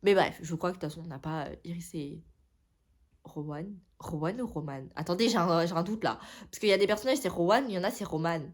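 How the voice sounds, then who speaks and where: A woman's voice: lowish voice, fast. A young woman talking casually about books in a vlog, rambling, chatty and often correcting herself. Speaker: book vlogger. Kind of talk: casual chat.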